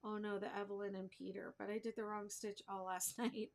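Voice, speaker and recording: This crochet livestream host talks quickly in a creaky, mid-range voice that stays level. She chats informally with viewers while she crafts, musing aloud and making self-deprecating remarks.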